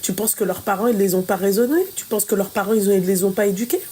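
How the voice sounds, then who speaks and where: A woman's voice: medium pitch, steady tone, quick pace, mellow, a little hiss or hum. A woman hosting a radio call-in show, blunt and teasing with her caller. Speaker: radio host.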